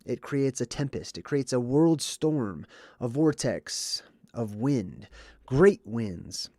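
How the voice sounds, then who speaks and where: Mellow and medium in pitch, the man's voice is recorded at studio quality with no echo. Hosting a livestream, he explains and reads chat while a little under the weather and congested, regularly checking in with "okay" or "right."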